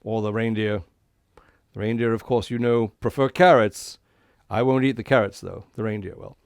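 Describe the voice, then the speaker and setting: A man playing a friendly Santa Claus, talking to children like a party magician with showy patter and a gravelly voice. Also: lowish voice, no echo, clean studio sound. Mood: genial, chatty. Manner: kids' party magician patter, drawn-out showy counting and reveals. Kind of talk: interactive children's visit over the internet.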